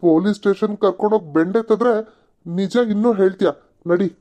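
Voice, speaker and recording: A stern, bossy cartoon police officer, as a woman acts him out. He talks gruffly and presses hard with threats and questions. The voice sits mid-pitched with a dark, mellow tone. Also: fast, close to an everyday voice. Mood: threatening. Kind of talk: amateur cartoon voice acting.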